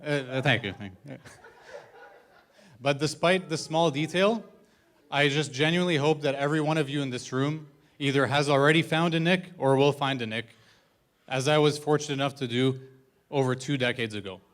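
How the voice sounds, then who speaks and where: A man's voice: mid-range voice, normal speed, fairly bright tone. Man teasing the groom in a toast. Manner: joking, self-deprecating, teasing. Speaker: best man. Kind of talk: wedding toast. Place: wedding reception hall.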